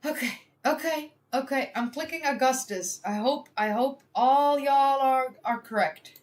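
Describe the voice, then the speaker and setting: Working through a history quiz on a casual live stream, a Dutch woman from the Netherlands speaks a little slowly in a high voice. Her talk is full of thinking aloud, frequent laughter and self-mockery.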